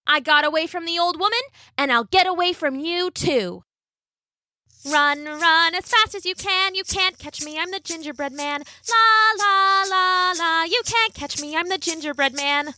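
A cocky little gingerbread cookie man, as a woman puts him on, squeaky and high. He chants and taunts in a bright, sing-song lilt, close and dry. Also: animated, normal speed, no echo, full character voice. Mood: taunting.

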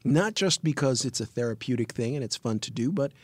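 A man's voice: medium pitch, lively intonation, a little fast, no echo. A middle-aged man co-hosting a podcast in casual chat, jokey and self-mocking. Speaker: podcast co-host.

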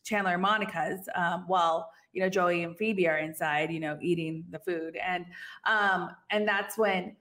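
A woman's voice: on the low side, steady tone, normal speed, a bit bright. A woman co-hosting a podcast, chatting casually and laughing as she recaps a TV episode. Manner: chatty and giggly, many fillers. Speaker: podcast co-host.

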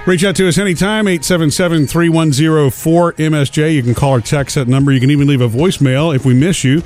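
A man's voice: a little high, fast, darkish tone, faint music behind. A man co-hosting a radio show in a casual conversational style.

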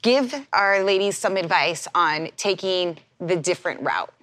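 Casting: woman interview host, low-pitched, warm encouragement, dry close mic. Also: lively intonation, unhurried, dry recording. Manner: encouraging, lots of backchannel agreement. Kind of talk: casual interview chat.

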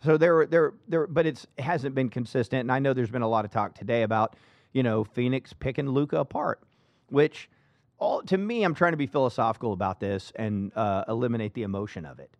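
A man hosting a casual sports talk show, emphatic and animated, often restarting his sentences. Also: medium pitch, brisk, dry recording.

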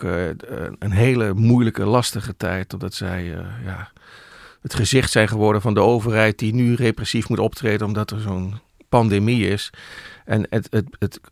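Gravelly low-voiced man, hesitant explaining. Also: dry recording, clean studio sound. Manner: thoughtful, many hesitations and restarts. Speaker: journalist guest. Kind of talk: conversational explanation.

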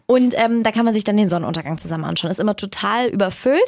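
A young woman, telling a personal story in a casual podcast chat, excited and giggly, with lots of fillers. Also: mid-range voice, very fast, gravelly, no echo, clean studio sound. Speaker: podcast host.

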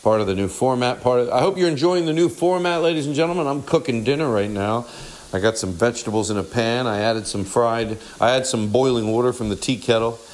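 A man's voice: medium pitch, fairly quick. Silly rambling male podcast host. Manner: silly, over-the-top showmanship, repeats phrases. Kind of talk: casual rambling solo talk show chat.

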